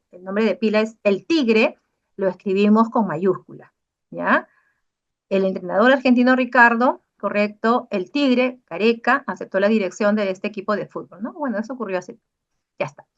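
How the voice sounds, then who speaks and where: A woman's voice: medium pitch, lo-fi sound. A woman lecturer giving an online class, explaining step by step and checking in with the students through frequent tag questions.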